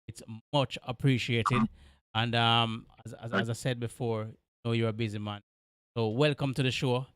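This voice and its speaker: Radio host, smooth and dry. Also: male voice, medium pitch, steady tone, normal speed, a bit bright, no echo. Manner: friendly, repeats himself, lots of fillers and big-ups. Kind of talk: live radio interview.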